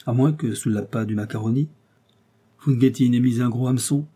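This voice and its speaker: A man's voice: medium pitch, fairly quick, mellow, breathy edge, lightly acted. A man voicing a curious, wry judge in an audiobook. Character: curious male judge, keen angler.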